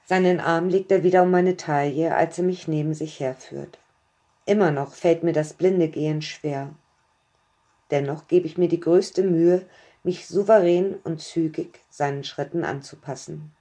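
Brief: woman narrator, lower pitch, mellow, calm and intimate. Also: measured pace. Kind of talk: first-person story narration.

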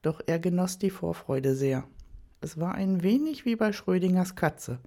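A reader giving a calm, measured scripted narration of a story, unhurried and even. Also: mid-range voice.

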